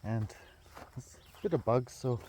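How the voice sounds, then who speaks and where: A man's voice: medium pitch, unhurried, warm tone, slight background noise. Man musing aloud outdoors. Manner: chatty, musing aloud with fillers. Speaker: hiking vlogger host. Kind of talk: casual walk-and-talk narration. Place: outdoors on a wooded prairie trail. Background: faint insects and crickets.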